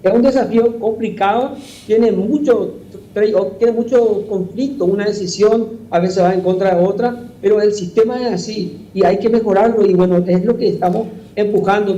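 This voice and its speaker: Man, high voice, very warm dark tone, patient lecturing manner, muffled lo-fi audio. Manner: patient lecturing, gives examples, keeps addressing the host by name. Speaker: transport official guest. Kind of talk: explanatory studio interview.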